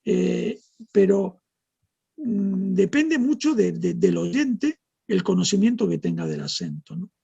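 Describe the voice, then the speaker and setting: A middle-aged man from Argentina with an Argentine accent softened by years in Spain, explaining things in a measured way and often adding tag questions as an interview guest. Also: high-pitched, huge pitch swings, gravelly, slightly rough. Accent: Argentine, softened by decades in Spain. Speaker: guest neurologist. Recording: dull, muffled audio.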